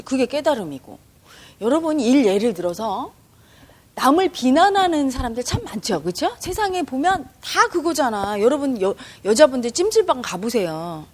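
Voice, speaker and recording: Woman meditation teacher, emphatic lecturing voice, bright upper register. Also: fairly high pitch. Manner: emphatic, conversational, addresses listeners directly. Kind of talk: spiritual lecture to students.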